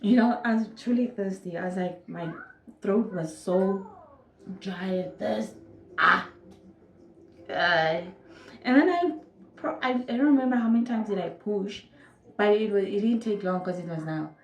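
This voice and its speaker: A woman's voice: medium pitch, unhurried, long pauses, echoey room, a little hiss or hum, low-quality recording. A young woman with a Namibian accent, telling a personal story casually to her viewers and acting out moments. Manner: animated, acts out moments with quoted voices and sound effects. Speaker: vlogger.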